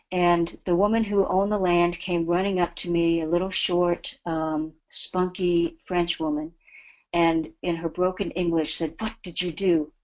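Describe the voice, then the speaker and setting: Woman, unhurried, lowish voice, devotional spiritual talk, earnest. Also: a little mellow, rough recording. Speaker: guest speaker.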